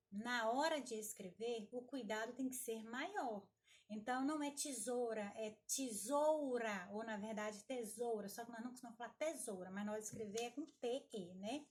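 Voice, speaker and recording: A woman teaching a recorded lesson, drawing out example words loudly to stress syllables and often checking with her students. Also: high voice. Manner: asks frequent checking questions to students.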